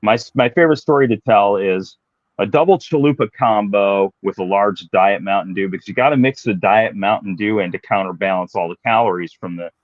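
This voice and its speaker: A deep-voiced man in his late fifties talks through his fitness journey with easygoing, self-mocking humor. The sound is dry and a bit dull, as if recorded close in a dead room. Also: a little fast, dry recording. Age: 50s. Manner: relaxed, self-deprecating, explanatory. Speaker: guest, fitness professional. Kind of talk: casual interview storytelling.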